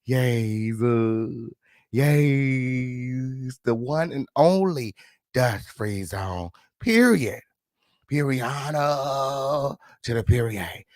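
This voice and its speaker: A man hosting a celebrity gossip livestream, sassy and flamboyant, full of loud catchphrases, profanity and high, squealing laughs. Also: very slow, no room sound, clean studio sound. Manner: frequent high-pitched laughing outbursts. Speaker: gossip show host. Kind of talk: casual livestream commentary.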